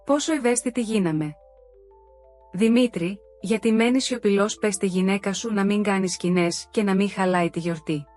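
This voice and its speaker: A woman's voice: medium pitch, a little mellow, soft background music, lightly acted. A woman voicing a smug, freeloading sister-in-law who brushes off the complaints in a breezy, dismissive way.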